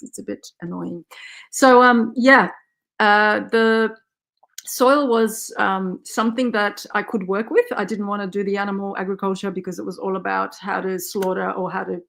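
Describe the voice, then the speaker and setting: A woman's voice: medium pitch, fairly even intonation, moderate pace, vocal fry, fairly bright tone, slight background noise. A woman from Poland, talking candidly as a guest in a casual interview and laughing as she talks. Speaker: guest soil scientist.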